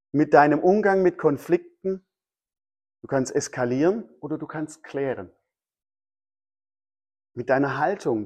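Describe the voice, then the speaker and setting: A man's voice: a little high, a little mellow. A man preaching a sermon, emphatic and fond of repeating his key phrases. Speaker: pastor.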